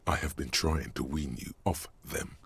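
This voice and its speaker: An actor playing a detective's smug, needling inner voice that also narrates a game. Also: male voice, rumbling low, fairly even intonation, normal speed, background noise. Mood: sardonic. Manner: sardonic, needling.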